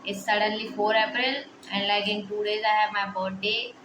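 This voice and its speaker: A woman in her twenties vlogs about personal worries, rambling and hesitant with many fillers, sounding quietly upset and reflective. Her medium-pitched voice is flat at normal speed, with background noise, in an echoey room with music playing behind.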